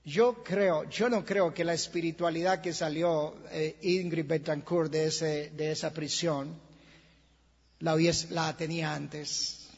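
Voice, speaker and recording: Colombian pastor, male, gravelly high voice, fiery sermon; dull lo-fi church recording with long reverb. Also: fairly even intonation, takes it slowly. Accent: Colombian Spanish. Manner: impassioned, swings from quiet to shouting. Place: church hall.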